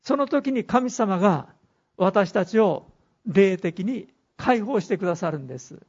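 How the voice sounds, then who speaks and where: A man preaching a sermon as pastor, speaking earnestly with pauses and reading scripture aloud. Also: sits high, lively intonation, slightly rough. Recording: dull lo-fi recording.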